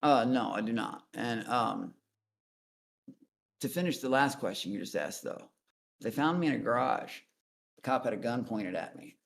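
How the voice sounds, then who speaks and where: A man's voice: medium pitch, lively intonation, normal speed, creaky, pauses often, a little hiss or hum. A man guest on a call-in interview, telling his story in a blunt, profane, rambling way. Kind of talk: casual storytelling.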